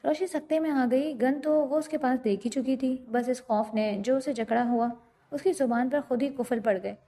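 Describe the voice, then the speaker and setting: Mellow-voiced woman narrating a romance novel. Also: high voice. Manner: steady storytelling.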